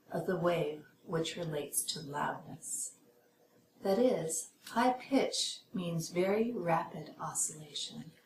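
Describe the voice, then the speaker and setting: A woman hosting a podcast lesson for lectors, reading a scripted lesson in a measured way and voicing example sentences to show intonation. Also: on the low side. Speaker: podcast host teaching lectors. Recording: echoey room with clear background noise.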